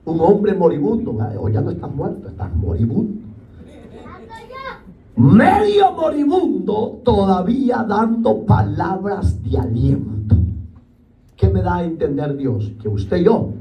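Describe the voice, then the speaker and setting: A man preaching a sermon as pastor, impassioned and often bursting into shouts. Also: sits high, very animated, normal speed. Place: church. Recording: echoey church hall, distant mic, faint music.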